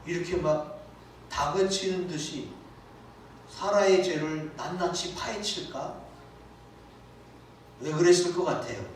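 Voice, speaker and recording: Speaking slowly and leaving long pauses, a pastor with a voice on the high side gives a sermon in a church sanctuary. He keeps it conversational and asks the congregation rhetorical questions. The sound comes from a distance in an echoey church hall, with faint noise.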